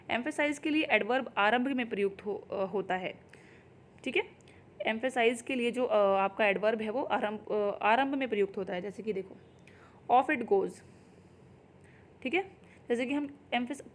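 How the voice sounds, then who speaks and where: A woman teacher, explaining grammar in Hindi and reading example sentences slowly and carefully. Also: fairly high pitch, a little hiss or hum. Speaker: English teacher. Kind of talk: exam-prep grammar lesson.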